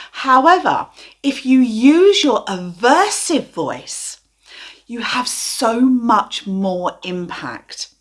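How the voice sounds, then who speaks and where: A woman teaching hypnotherapy, explaining and then demonstrating dramatic aversive suggestions in a hypnotic voice. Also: fairly high pitch.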